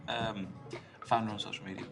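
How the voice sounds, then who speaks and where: An awkward, earnest young British man on a date in a video game, who stammers and hesitates with a lot of ums. His voice sits very low, with faint music behind it. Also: level tone, a little fast, vocal fry. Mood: nervous.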